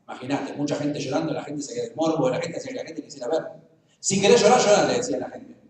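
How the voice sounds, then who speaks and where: A man's voice: mid-range voice, fairly even intonation, very fast, darkish tone, recorded from a distance. A man with a Rioplatense Argentine accent preaching a sermon, joking and talking straight to the congregation. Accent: Rioplatense Spanish. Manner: humorous, conversational, addresses the congregation directly. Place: church hall. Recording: very echoey church, voice from afar.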